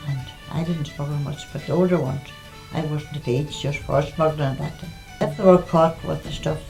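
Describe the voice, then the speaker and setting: A woman's voice: low-pitched, gravelly, low-quality recording. An older woman with a Northern Irish accent, reminiscing in a plain-spoken, conversational way. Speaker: local resident sharing memories. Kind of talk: reminiscing, casual storytelling.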